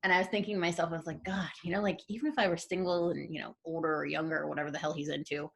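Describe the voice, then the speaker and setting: A woman tells a story in a casual interview. Her voice sits on the low side. She talks with gushing energy and acts out what others said. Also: rapid-fire, gravelly. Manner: animated, gushing storyteller who acts out quotes. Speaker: podcast host.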